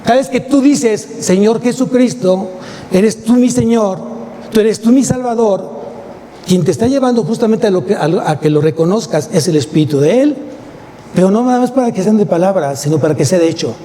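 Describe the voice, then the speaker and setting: Mexican male pastor, higher voice, mellow tone; emphatic sermon with rhetorical questions, long church reverb. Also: lively intonation, fairly quick. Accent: Mexican Spanish. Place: church sanctuary. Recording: long church hall reverb, faint noise.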